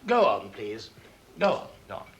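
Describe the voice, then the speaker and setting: A bossy, excitable stage director. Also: male voice, fairly low pitch, moderate pace. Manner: bossy, impatient, theatrical. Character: fussy, excitable stage director running a rehearsal. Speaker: theatre director. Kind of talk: 1970s televised stage drama.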